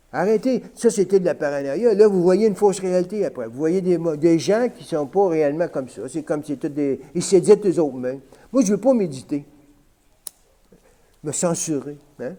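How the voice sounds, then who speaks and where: Québécois guy rambling on his vlog, kinda high mellow voice, lots of hein and man. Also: animated, moderate pace. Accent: Québécois French. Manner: rambling, filler-heavy, frequent "hein" and "man". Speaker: vlogger. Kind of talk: unedited casual monologue. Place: at home, smoking on camera.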